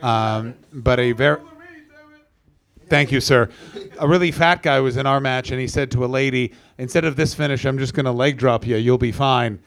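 A man's voice: mid-range voice, moderate pace. A man guest on a podcast, telling funny stories in casual banter, swearing and mimicking people. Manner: animated storytelling, swears, mimics others. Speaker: comedian guest.

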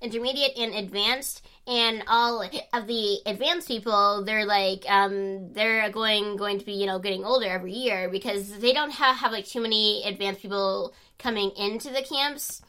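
A woman's voice: medium pitch, steady tone, moderate pace, few pauses, pushed and bright. A young teenage girl co-hosting a casual podcast, chatty and rambling, with fillers and giggles. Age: teens. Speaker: podcast co-host. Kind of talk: casual chat.

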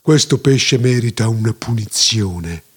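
A man's voice: fairly low pitch, animated, measured pace, husky, pitched below the performer's own voice. A man voicing a pompous, self-important elder who is the nearsighted chief sage of his village, deliberating aloud in a grand way.

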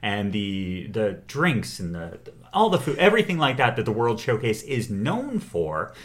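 A man hosting a casual chat, posing questions in a relaxed, explanatory way. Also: fairly low pitch, a little slow. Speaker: podcast host.

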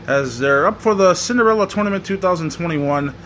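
A man's voice: sits high, lively intonation, a little fast, fairly bright tone. Man announcing like a showy ringmaster, noisy recording. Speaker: host of a wrestling watch-along podcast. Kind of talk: podcast show intro. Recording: noticeable background noise.

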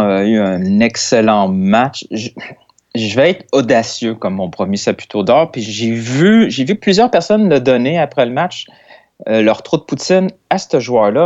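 A man with a Québécois French accent co-hosting a casual sports podcast, relaxed, talking in stops and restarts. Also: mid-range voice. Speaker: podcast co-host. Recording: dull lo-fi sound.

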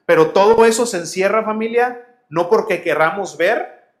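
A man preaching a sermon as pastor, calling his listeners family and asking rhetorical questions. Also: a little high.

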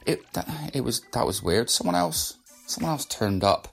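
A man with a croaky morning voice, talking casually and conversationally as a solo podcast host. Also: mid-range voice, animated, normal speed. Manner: conversational, rhetorical questions.

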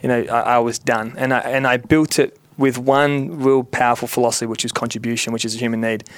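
A man's voice: medium pitch, level tone, a little fast, clear, resonant tone, no echo. Earnest motivational man, dry sound. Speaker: podcast guest. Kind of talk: casual chat.

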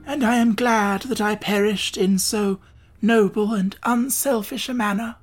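A woman's voice: mid-range voice, fairly even intonation, unhurried, faint music behind, voice pushed up, lightly acted. A woman voicing a ruined male scarecrow's head, mournful and noble, in a storybook reading.

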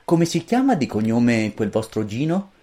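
Woman voicing a practical mom asking plain questions, mellow, storybook. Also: a bass voice, big pitch swings, normal speed. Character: practical mother, Signora Luisa. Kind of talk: storybook reading.

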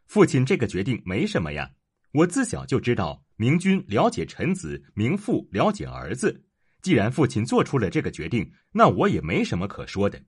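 A man voicing a naive, timid young prince who speaks hesitantly and fretfully, in a husky voice. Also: medium pitch, huge pitch swings, moderate pace.

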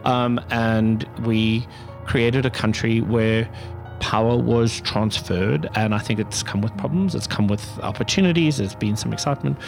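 Speaking a little slowly in a medium-pitched, creaky voice over soft background music, this middle-aged South African man considers each interview question carefully. He leads a pride center and fills his answers with hesitations and restarts.

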